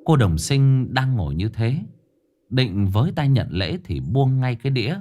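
A man narrating a scripted ghost story in a dramatic, expressive storytelling manner. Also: medium pitch, normal speed.

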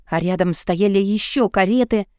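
A woman's voice: medium pitch, normal speed, a little mellow, clear, resonant tone, no room sound, clean studio sound. A woman narrating a novel in the first person, reading dramatically and with strong emotion. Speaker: audiobook narrator.

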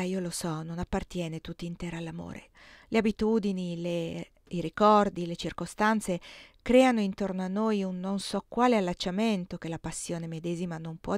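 A woman's voice: medium pitch, no room sound, clean studio sound, lightly acted. Corinna, a pleading young lover, read by a woman. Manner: emotional, pleading, trembling.

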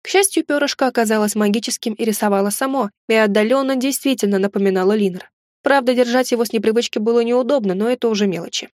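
A woman narrating a first-person fantasy audiobook in a steady, measured reading. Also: a little high, no room sound, studio quality.

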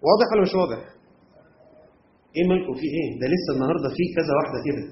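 An Egyptian-accented man teaching a class at a quick clip in a high voice, and he keeps stopping to quiz the students. The recording is roomy and dull, with a faint hiss behind him. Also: animated. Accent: Egyptian Arabic. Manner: quizzes the class with rhetorical checks. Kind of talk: classroom lesson on Quran commentary grammar.

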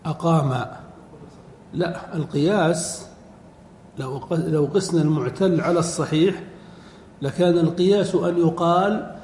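A middle-aged man teaching Arabic word forms in a classroom lecture, quizzing his students and repeating each form slowly. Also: on the high side, darkish tone. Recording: echoey hall recording, faint background noise.

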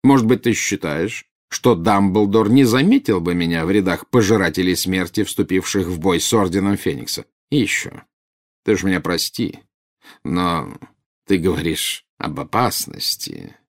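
A man reads a calculating male double agent in a storybook, his tone low, silky, and unhurried, staying cool and under control. Every answer comes out measured and quietly condescending, and the mood is cold and silky.

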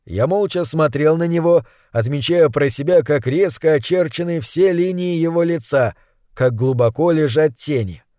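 A man narrating an audiobook in a steady, descriptive storytelling manner. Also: on the high side, normal speed, dry recording, studio quality. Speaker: reader.

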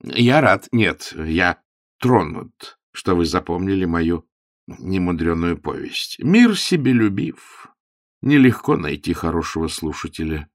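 A man's voice: sits low, big pitch swings, unhurried, no echo, studio quality. A man reading an audiobook voices a genial, meandering elderly storyteller in a pub. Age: older. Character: old male pub storyteller, genial, self-satisfied. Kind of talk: audiobook character voice.

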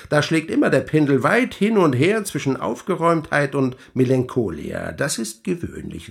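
An actor playing the Devil as a sly, mocking, smooth-talking tempter in a radio drama, theatrical and insinuating. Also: male voice, medium pitch. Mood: seductive, grandiose. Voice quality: husky, breathy, creaky. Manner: theatrical, insinuating, wordy with mannered archaic phrases.

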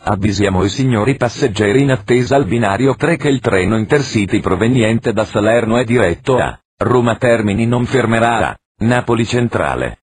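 A man reading parody train station announcements in a formal, deadpan announcer manner. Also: lowish voice, normal speed, slight background noise. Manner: formal announcer delivery with deadpan absurd jokes.

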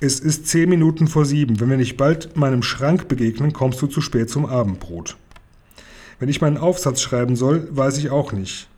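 A man voicing a grumpy, witty middle-aged uncle in a storybook, gruff and blustering. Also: medium pitch, moderate pace, warm tone, natural voice. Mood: worried.

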